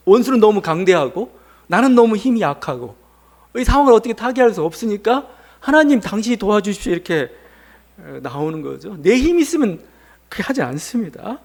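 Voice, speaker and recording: Man, pastor, sermon, high voice, very animated pitch, asks rhetorical questions. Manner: conversational preaching with rhetorical questions.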